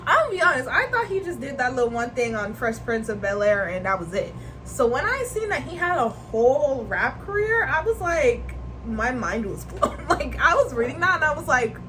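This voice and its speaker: A young woman from Nigeria rambles through a casual vlog chat, full of slang and quick laughs. Her voice sits a little high. A clear background noise runs under the home recording. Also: sing-song, sharp tone, low-quality recording. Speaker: vlogger.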